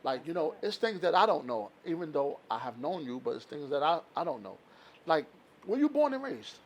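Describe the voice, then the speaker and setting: A man hosting a casual podcast interview, laid-back and quick to affirm with no doubt and dope. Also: on the high side, sing-song. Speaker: podcast host. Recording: faint background noise.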